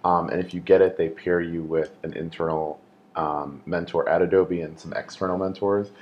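A man's voice: sits low, steady tone, moderate pace, highs cut off. A man who is a photographer, a guest on a podcast, talking in a laid-back, joking way with many fillers. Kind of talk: casual conversation. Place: his home in Brooklyn.

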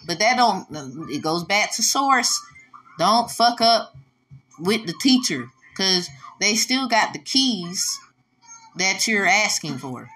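A woman's voice: fairly low pitch, bright, forceful tone, husky. A woman vlogger talking casually in a blunt, profane, preachy and rambling way.

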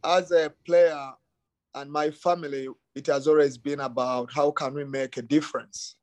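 A middle-aged man from Uganda, a youth soccer academy director, talking in a relaxed interview and often saying "you know" and "um". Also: fairly high pitch, normal speed, no echo. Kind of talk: casual interview.

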